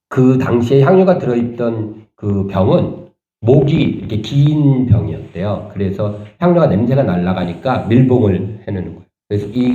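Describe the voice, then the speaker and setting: A man preaching a sermon as pastor, talking conversationally and asking the congregation rhetorical questions, turning animated and indignant at points. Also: on the low side, roomy sound, muffled recording. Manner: animated, rising sharply when voicing indignation. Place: church sanctuary.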